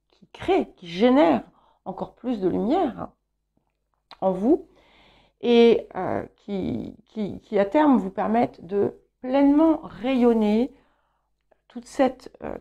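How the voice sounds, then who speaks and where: A woman whose first language is English, giving a calm, reflective tarot guidance reading with gentle encouragement. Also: a little high, creaky, lo-fi sound. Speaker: tarot reader.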